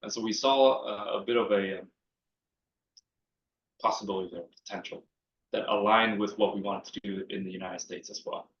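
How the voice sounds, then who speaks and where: A low-pitched man speaks in a halting, casual way, full of fillers as a startup co-founder. The sound is roomy with a lot of echo and comes through dull and lo-fi. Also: fairly even intonation, a bit bright. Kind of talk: casual panel talk. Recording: echoey, dull lo-fi room sound.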